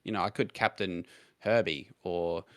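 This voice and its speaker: A man's voice: sits low, steady tone, normal speed, a bit bright, dry recording. An Australian man co-hosting a podcast, chatting casually about sport over a call. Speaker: fantasy rugby league podcast co-host.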